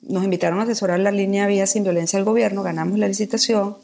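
A middle-aged woman from Mexico speaks as a guest in a conversation. She tells her personal story candidly and vividly, with feeling. Her voice sits in an ordinary middle pitch. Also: steady tone, rapid-fire, gravelly, darkish tone. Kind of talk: personal testimony in a podcast conversation.

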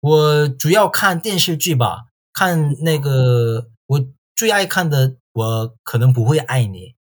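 In a casual interview, a man from South Korea who works as a tour guide answers in Mandarin, which he speaks as a foreigner with a Korean accent and halting, simple wording. He sounds a little high and animated.

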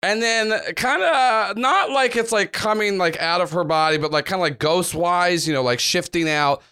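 High, bright-voiced man running a tabletop game. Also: smooth. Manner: halting, repeats himself, says "like" often. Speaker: game master. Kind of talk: improvised tabletop game narration.

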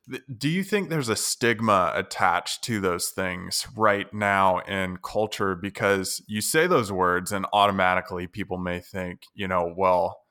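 A male podcast host with a low voice that still sounds bright and forceful. His tone is smooth and clear. He asks long, winding questions in a relaxed conversational way.

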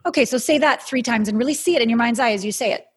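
A woman with an airy, breathy voice coaching a guided meditation in a mystical healer's manner, with soothing, incantatory prompts. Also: on the high side, rapid-fire. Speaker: guide leading an emotional healing exercise.

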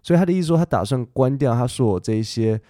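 A man hosting a casual podcast lesson. He chats in a relaxed way, thinks aloud with fillers and restarts, and reads English text slowly and carefully. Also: mid-range voice, no echo, clean studio sound. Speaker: English teacher podcast host.

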